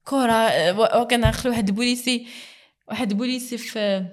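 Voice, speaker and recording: A woman's voice: a little high, fairly even intonation, fast. A woman with a Moroccan accent, a guest in a casual interview, speaking earnestly and mixing in French words.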